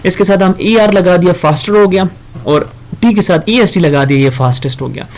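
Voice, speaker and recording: A high-pitched male voice delivers a grammar lesson, reading every example slowly and carefully. His explanations that follow are easygoing and conversational, dotted with filler pauses and self-corrections.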